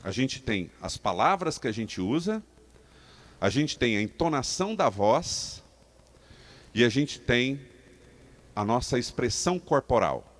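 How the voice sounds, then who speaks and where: A man with a Brazilian Portuguese accent teaching leaders public speaking to a live audience, emphatic and animated, asking the room questions. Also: mid-range voice, unhurried, pauses often. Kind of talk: live talk to a seated audience.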